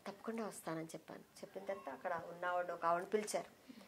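A middle-aged woman as an interview guest, telling a personal memory with heartfelt emotion and softening her voice when she quotes others. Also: on the low side, quick pace, a little hiss or hum. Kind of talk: reminiscing in an interview.

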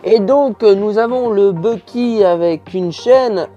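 A man's voice: high-pitched, takes it slowly, mellow, highs cut off. A man with a French accent casually reviewing a toy set, hesitant with many fillers and lots of detail.

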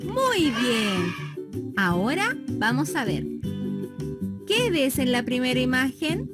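A woman, a primary school teacher, giving a children's phonics lesson. She speaks slowly and carefully, sounding out each word and praising often. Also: high voice, very animated. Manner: slow, carefully enunciated, praising. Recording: loud children's music underneath.

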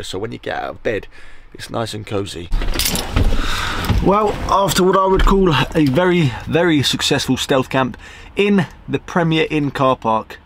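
A young man chatting excitedly to camera as a van life vlogger inside his small camper van. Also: mid-range voice. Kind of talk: casual vlog narration to camera. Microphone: camera held or set close.

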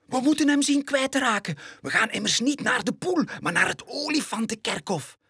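A man with a Flemish accent voicing an eager, excitable young male lion cub in a storybook reading. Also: very high voice, moderate pace, husky, dry recording, clean studio sound, pitched above the performer's own voice, heavily acted. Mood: excited. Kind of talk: storybook read-aloud.

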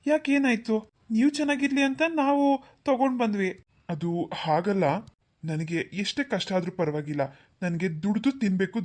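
A woman's voice: medium pitch, a little mellow, natural voice. A woman voicing a proud, hardworking young husband in a cartoon, speaking earnestly and pleading politely. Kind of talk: cartoon voice acting.

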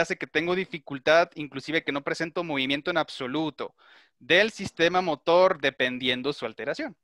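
Bright-voiced male teacher, methodical. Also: a little high, no room sound, clean studio sound. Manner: methodical, explains step by step and checks understanding. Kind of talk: online class lecture with questions to students.

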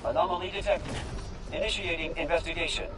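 A man voicing a cold, watchful male security robot turret in a video game, his voice run through a robotic filter and speaking in flat, clipped machine announcements. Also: a little high, fast, low-quality recording. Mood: monotone. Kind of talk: video game enemy voice lines. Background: loud game music.

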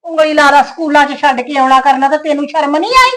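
A woman's voice: high voice, steady tone, fast, a bit bright. A woman playing a stern, middle-aged aunt in an amateur family skit, scolding and lecturing her niece.

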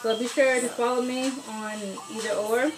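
A woman's voice: fairly high pitch, steady tone, normal speed, music in the background, low-quality recording. A young woman hosting a challenge video in casual chat to the camera.

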